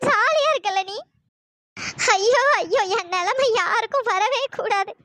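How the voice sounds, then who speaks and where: A voice actor playing a young wife in a cartoon story, heartbroken and bitter, with a high pitch-shifted voice. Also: unhurried, pushed and bright, no room sound, heavily acted. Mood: weeping. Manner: wailing then scornful.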